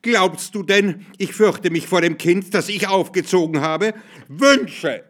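Brief: man putting on a high, shrill, desperate old mother, storybook reading, slow delivery. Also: expressive, a bit bright, heavily acted. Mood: frantic. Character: frantic grieving old mother, shrieking.

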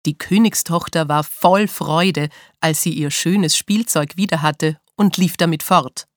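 A woman reading a fairy tale aloud in a clear, expressive way. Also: low voice, a little slow, no echo, studio quality. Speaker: storyteller. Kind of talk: storybook reading.

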